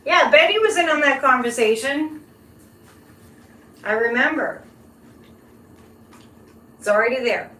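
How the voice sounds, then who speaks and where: A woman's voice: sits high, animated, unhurried, pauses often, bright, forceful tone. A woman hosting a casual psychic live stream, talking conversationally and directly to her viewers. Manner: conversational, addresses listeners directly. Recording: roomy echo, background noise.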